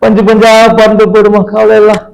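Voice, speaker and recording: A man's voice: high-pitched, completely flat delivery, a little fast, vocal fry, a little mellow, a little hiss or hum, poor audio. A man acting a sly husband in a comedy sketch, whining and pleading. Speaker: comic sketch actor.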